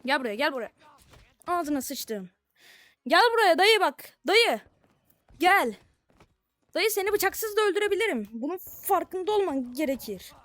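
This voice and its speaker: A young woman from Turkey giving casual, playful commentary on a virtual reality game, taunting the characters in mock-friendly tones with sudden bursts of shouting. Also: extremely high pitch, very animated, measured pace, pauses often. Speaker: gaming streamer.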